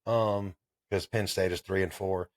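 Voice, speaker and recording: A man's voice: low voice, fairly even intonation, a little slow, no echo. A man in his thirties hosting a casual sports podcast, rambling and swearing in a laid-back way. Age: 30s. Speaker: podcast host.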